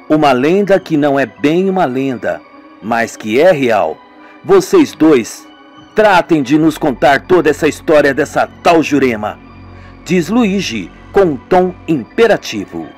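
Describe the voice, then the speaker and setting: Music plays behind a Brazilian-accented man performing all the roles in an amateur scripted radio serial, narrating with theatrical flair. He speaks a little slowly, in a fairly high, sing-song voice.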